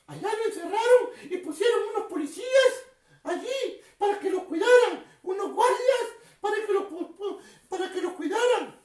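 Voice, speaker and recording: A woman in a clown preacher role tells a Bible story to children in a very high, squeaky voice. She sounds giggly and half-tearful and repeats words in a sing-song way. She is heard from some distance in an echoey room. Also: a little mellow.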